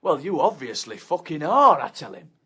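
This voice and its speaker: An actor playing a foul-mouthed, menacing man obsessed with his disco night, swinging from hushed whispers to shouts. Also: mid-range voice, very animated, unhurried, slightly rough, heavily acted. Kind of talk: short film monologue.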